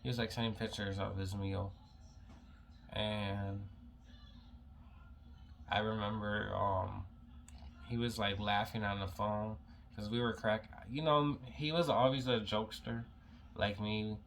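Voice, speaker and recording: A young man telling a personal story in a casual vlog, halting and emotional, full of "like" fillers, holding back tears. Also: on the low side, fairly even intonation, creaky, slight background noise.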